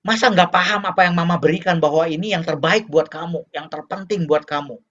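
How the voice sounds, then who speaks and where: A man's voice: on the high side, brisk, fairly bright tone. A man voicing a nagging middle-aged mother who scolds her child and keeps insisting that things are important. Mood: insistent. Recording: dull lo-fi recording.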